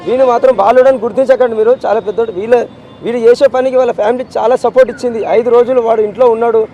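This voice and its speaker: A man's voice: very high voice, steady tone, quick pace, mellow, slight background noise, poor audio. A grieving father with a Telangana accent speaking in a street interview, insistent and repetitive as he pleads for justice. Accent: Telangana Telugu. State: distraught with grief.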